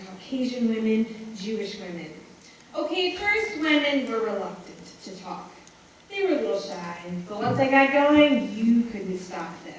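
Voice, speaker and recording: Brief: young woman, playful stage monologue, a bit high, big echoey hall, mic far away. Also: a little hiss or hum. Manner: lively, playful listing to an audience. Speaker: stage performer. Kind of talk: theatrical monologue performance.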